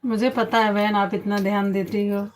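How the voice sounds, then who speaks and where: A woman's voice: medium pitch, level tone, moderate pace. A woman hosting a casual live stream on her phone, greeting viewers by name and repeating devotional greetings.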